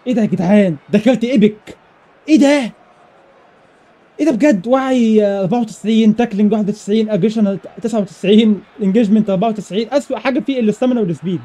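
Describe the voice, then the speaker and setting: Young Egyptian gaming YouTuber, male, high and very fast, excitable running commentary with repeated shouts. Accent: Egyptian Arabic. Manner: excitable, repeats exclamations rapidly. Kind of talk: live gameplay commentary.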